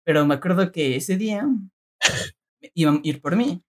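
A woman's voice: fairly low pitch, moderate pace. Slangy Mexican woman telling a story. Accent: Mexican Spanish. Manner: animated slangy storytelling, peppered with filler words. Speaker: storyteller among friends. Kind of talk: casual chat.

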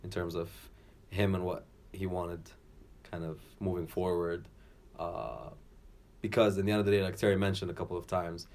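Deep-voiced thoughtful male co-host. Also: fairly even intonation, normal speed, darkish tone. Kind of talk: casual chat.

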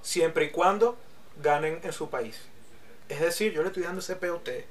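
A man's voice: fairly high pitch, normal speed. A man with a Venezuelan accent, co-hosting a casual podcast and reeling off trivia facts in chatty banter. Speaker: podcast co-host.

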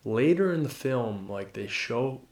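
A man's voice: mid-range voice, expressive, measured pace, a little mellow. A man co-hosting a casual podcast about a movie, rambling, swearing casually and trailing off mid-sentence. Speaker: podcast co-host. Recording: roomy echo.

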